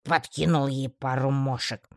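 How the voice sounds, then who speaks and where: A woman voicing a small male pet triton, sly and sulky, grumbling slowly in a fantasy audiobook. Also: medium pitch, fairly even intonation, no room sound, clean studio sound, voice pushed down, lightly acted. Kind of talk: audiobook character voice.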